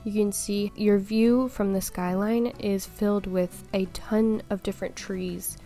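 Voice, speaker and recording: Brief: young woman tutorial host, mellow tone, a bit sick and crackly, steady step-by-step tips. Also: medium pitch, unhurried, faint music behind. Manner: calm step-by-step explaining, giving tips. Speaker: video game tutorial host. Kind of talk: tutorial voice-over over gameplay.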